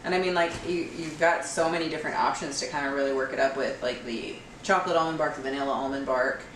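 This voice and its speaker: Low-voiced chatty woman in a kitchen. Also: fairly even intonation, fast talker, a bit bright. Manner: chatty, filler-heavy, laughs often. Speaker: co-host of a home candy tutorial. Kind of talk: casual cooking demonstration. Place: home kitchen. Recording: echoey kitchen, far from mic, noisy.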